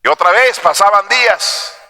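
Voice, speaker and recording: Brightly toned preacher in a reverberant church. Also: male voice, high voice, lively intonation, moderate pace. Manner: swings from hushed storytelling to shouted exhortation; addresses the congregation as brothers. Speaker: pastor. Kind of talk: sermon. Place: church sanctuary.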